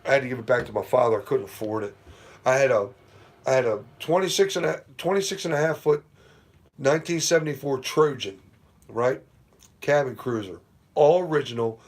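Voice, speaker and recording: A man's voice: medium pitch, fairly quick. A middle-aged man hosting a casual late-night live stream from home, telling rambling, profane stories with lots of "you know.". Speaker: livestream host. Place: at home near porch, at night.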